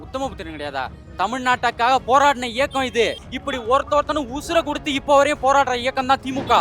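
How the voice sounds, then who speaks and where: A man with a very high, bright voice fires back defiantly in a street interview. Traffic and faint music are heard around him. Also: fast. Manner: defiant, combative. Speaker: party supporter.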